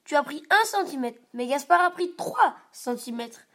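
A woman voicing a patient, caring mother in a read-aloud picture book, speaking gently. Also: sits high, expressive, normal speed, pitched above the performer's own voice. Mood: gentle.

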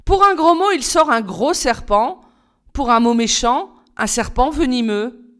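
A woman voicing a young, charming male doctor who talks in a smooth, coaxing way in a storybook reading. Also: high-pitched, expressive, a little slow, a bit bright.

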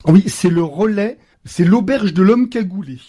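A man with a notably high voice narrates a tabletop game as its game master. He hesitates often, filling gaps and restarting his sentences. He drops playful sound effects into his scene-setting, heard over a computer microphone on an online call. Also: normal speed, mellow, husky.

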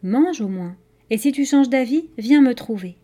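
A woman voicing a kindly dwarf healer in a storybook reading, speaking softly and slowly in a soothing way. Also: a little high, expressive. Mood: gentle. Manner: soft, soothing, slow.

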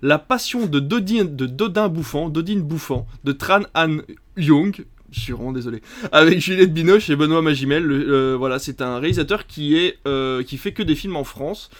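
A man's voice: on the high side, expressive, moderate pace. A man hosting a casual film podcast, reading a long list of titles with many hesitant fillers. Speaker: podcast host.

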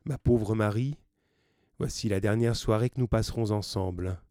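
A man's voice: lowish voice, moderate pace, warm tone, no room sound, clean studio sound, close to an everyday voice. A man reading the part of a sturdy sea captain of about sixty, hearty and commanding.

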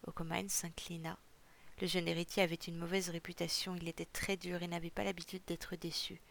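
A narrator reading a novel chapter aloud for a podcast in a measured, even storytelling manner. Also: mid-range voice, creaky. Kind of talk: audiobook reading.

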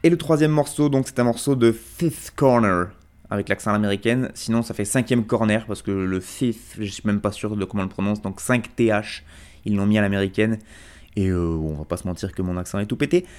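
A man's voice: lowish voice, fast, a little mellow, smooth. A man hosting a rap radio show, chatting casually with many fillers and restarts.

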